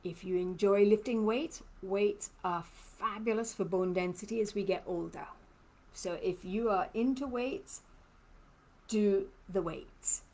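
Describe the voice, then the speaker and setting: A woman from Trinidad, a lymphoedema therapist, hosts a chatty live stream where she replies to viewer comments, gets personal and laughs frequently. Her accent is a mixed blend that is hard to place, and her medium-pitched voice is a little slow and a little mellow. The recording quality is low.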